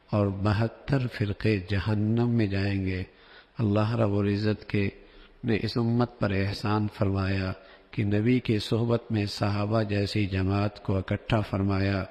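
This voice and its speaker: A man's voice: fairly low pitch, vocal fry, darkish tone, in a large hall. A man preaching a sermon, explaining points patiently and acting out different ways of saying a phrase. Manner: explanatory, acts out example phrasings.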